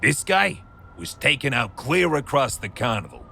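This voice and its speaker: An actor playing a gruff, sarcastic, brusque police detective with a gravelly voice in a video game. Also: male voice, medium pitch, sing-song, normal speed, pushed and bright, a little hiss or hum, exaggerated voice. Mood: sardonic. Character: gruff, dismissive, cynical male police detective.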